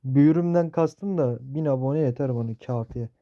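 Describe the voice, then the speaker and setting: A young man in his late teens giving casual gameplay commentary, cursing and blurting out excited reactions as he plays. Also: medium pitch, normal speed, dull audio. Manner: profane, excitable outbursts while playing. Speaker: mobile gaming youtuber.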